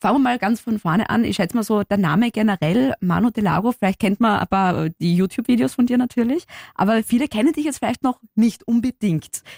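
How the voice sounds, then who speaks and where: Eine Radiomoderatorin mit österreichischem Akzent, die im Studio gut gelaunt und locker plaudernd ein Interview führt. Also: female voice, medium pitch, brisk, creaky, a little mellow, no room sound. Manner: upbeat, chatty. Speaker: radio host.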